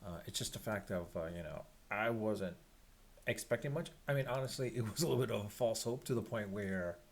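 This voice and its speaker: Man, lowish voice, sports fan vlogger, rambling unscripted rant, halting, repetitive, resigned. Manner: rambling, halting, repeats phrases.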